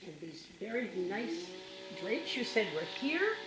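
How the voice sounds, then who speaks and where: A woman's voice: mid-range voice, big pitch swings, measured pace, over loud music. A woman hosting a casual walk-through home tour, gushing with compliments like an estate agent. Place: indoors, walking through a house. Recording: roomy, echoey sound with background noise.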